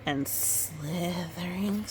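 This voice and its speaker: Heavy background noise sits behind a woman's lowish voice as she reads a picture book in storytime fashion. Her phrasing is drawn out and dramatic, broken up by conversational asides.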